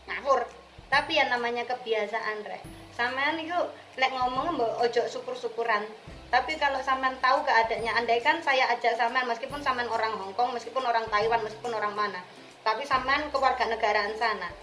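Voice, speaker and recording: Speaking straight to her viewers in colloquial slang, this East Javanese-accented vlogger from Indonesia, who once worked abroad as a migrant, talks a little fast in a higher, sharp-toned voice. Music plays behind her amid a roomy echo.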